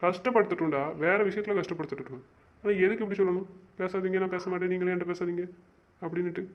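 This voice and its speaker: A young man acting as a stubborn, wounded young lover, who rattles off insistent, exasperated complaints at a brisk pace. His voice sits a bit high for a man. The amateur web-drama recording sounds dull and lo-fi. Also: steady tone, natural voice. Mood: frustrated. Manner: insistent, exasperated, repeats himself.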